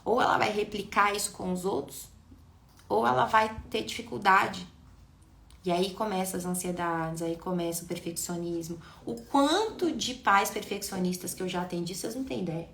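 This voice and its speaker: A woman, an educator in neuroscience, giving a lively live talk and speaking straight to her viewers. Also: mid-range voice, normal speed, creaky, roomy sound. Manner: animated, addresses viewers directly.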